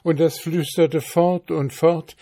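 A man voicing a bold young maid in a spoken folk tale, answering with calm, quick-witted retorts. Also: on the high side, pitched above the performer's own voice. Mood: pert, unafraid. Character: brave, cheeky young maid.

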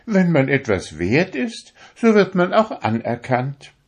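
A man voicing a vain, proud female darning needle in a fussy, high, self-important way. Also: wildly swooping pitch, measured pace, full character voice. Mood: haughty.

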